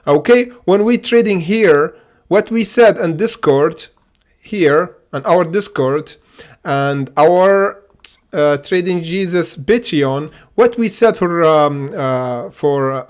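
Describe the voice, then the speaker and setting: Casual chart commentary comes from an excitable stock trading livestream host, a native Arabic speaker with a fairly high voice and slow pace. Fillers abound, and he keeps asking "okay?"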